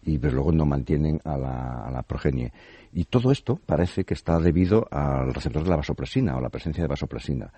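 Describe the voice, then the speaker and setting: A man talking as a guest author on a radio show, giving detailed, measured explanations. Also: very deep voice, animated, mellow, breathy edge, no echo. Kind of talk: radio interview.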